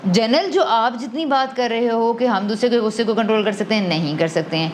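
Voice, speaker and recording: Her voice leans high, with a bit of background noise behind it. As a guest on a podcast about emotional wellbeing, this woman, an adult parent, explains things thoughtfully and casually, borrowing English terms and repeatedly rephrasing mid-sentence.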